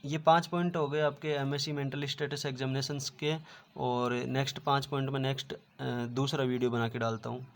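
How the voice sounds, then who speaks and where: A man's voice: medium pitch, little pitch movement, a little fast. A man teaching an online class, explaining step by step and often repeating filler words. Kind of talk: online lecture.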